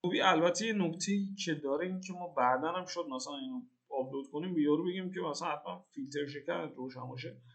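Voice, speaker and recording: A man's voice: fairly high pitch, a bit bright. A young man from Iran giving a casual, joking coding tutorial over a screen recording and thinking aloud in slang. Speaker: programming tutor.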